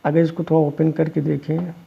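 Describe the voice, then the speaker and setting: A man's voice: on the high side, monotone, fairly quick, creaky, slight background noise. A male chemistry teacher giving a classroom lecture, explaining step by step and answering his own questions. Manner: explains step by step, asks students questions and answers them himself; calls students "beta". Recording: dull lo-fi recording.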